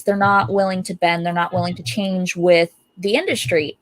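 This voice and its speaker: A young adult woman, a guest artist, telling animated and upbeat stories about her life in a casual interview. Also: on the low side, no echo.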